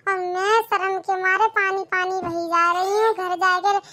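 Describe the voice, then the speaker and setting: A woman's voice: very high voice, flat delivery, measured pace, bright, forceful tone, heavily acted. A woman voicing an ashamed, lamenting middle-aged village mother in a cartoon. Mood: despairing. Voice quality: complaining, lamenting. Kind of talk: cartoon dialogue.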